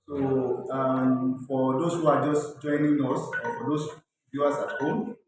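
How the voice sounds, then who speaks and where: A man hosting an interview, speaking formally with slow fillers. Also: mid-range voice, little pitch movement. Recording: echoey room, distant mic, crowd noise.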